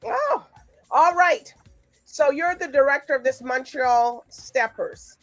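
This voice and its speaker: A woman's voice: high-pitched, a little slow, faint music behind, poor audio. A woman hosting a casual chat show in a chatty, rambling, easily amused manner. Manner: chatty, rambling, laughs often. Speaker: show host.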